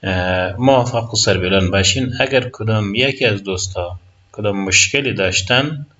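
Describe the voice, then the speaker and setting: A man with an Afghan Dari accent lecturing on Arabic, reading example sentences slowly and then explaining them patiently. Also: on the low side, sharp tone. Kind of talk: recorded lecture. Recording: dull lo-fi lecture recording.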